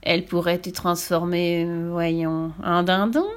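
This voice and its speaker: A woman voicing a vain, furious old witch in a children's storybook reading, with theatrical, shrill, drawn-out gloating. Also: flat delivery, smooth.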